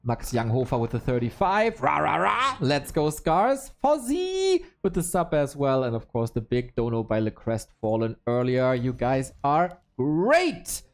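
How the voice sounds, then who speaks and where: Casting a live esports game, this man jokes around, stays animated, thanks chat viewers, and reads donations aloud. He speaks at a measured pace with medium pitch and hardly any pauses.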